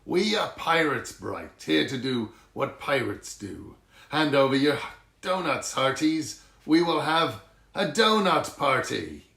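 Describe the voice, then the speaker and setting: A man voicing a rowdy, jolly band of storybook pirates in a loud, bouncy, declamatory chant. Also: mid-range voice, expressive, unhurried, creaky. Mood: boisterous. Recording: roomy, echoing sound.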